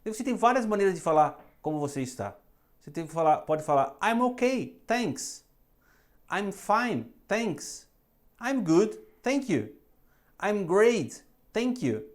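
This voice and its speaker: A woman with a Brazilian accent teaching English phrases in a lesson, saying each one slowly so students can repeat it. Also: mid-range voice, big pitch swings, darkish tone.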